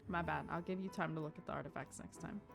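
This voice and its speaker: A woman livestreams a video game, chatting casually and rambling in an easygoing way as she comments on her play. Her low voice is fast, with fairly even intonation and vocal fry. Game music and character voices play behind her.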